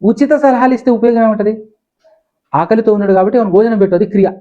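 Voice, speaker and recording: A man's voice: high voice, racing, mellow. A man preaching a sermon as pastor, explaining scripture in plain everyday speech and homely stories. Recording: dull lo-fi sound.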